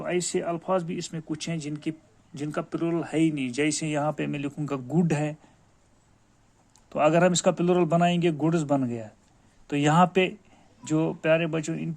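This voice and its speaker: A man with a Kashmiri accent teaches a grammar class, his voice sitting a little higher than most men's. He explains step by step in a patient classroom manner, talking to his pupils as dear children. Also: gravelly, a little mellow. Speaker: school teacher.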